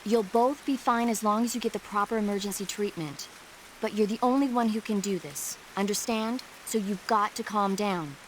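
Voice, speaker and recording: Actress as calm female medic, faint hiss. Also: mid-range voice, normal speed, close to an everyday voice, rough recording. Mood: reassuring, instructive. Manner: reassuring, firm. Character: calm, caring female field medic advising by radio. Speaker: medical support. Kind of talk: cinematic video game voice acting.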